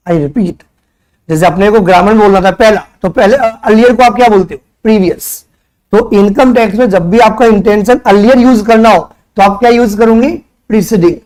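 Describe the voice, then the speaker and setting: A man's voice: high-pitched, a little mellow. A young man from India giving a classroom lecture, chatty, throwing questions at his students and mixing in English terms. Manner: conversational, quizzes students with rhetorical questions; mixes Hindi with English terms. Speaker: tutor.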